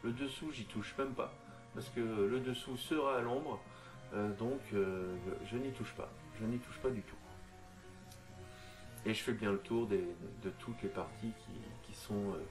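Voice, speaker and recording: A man talking through a miniature painting tutorial in a casual, halting way, full of fillers and restarts. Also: lowish voice. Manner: hesitant, lots of fillers and restarts, addresses viewer informally.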